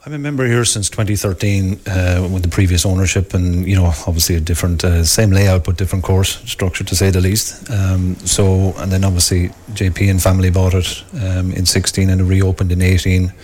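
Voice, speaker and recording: A man's voice: deep voice, level tone, fairly quick, hardly any pauses, a little mellow, slight background noise. A man from Ireland with a Wexford accent, speaking informally as a golf club captain being interviewed. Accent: Wexford Irish. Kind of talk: informal live radio interview.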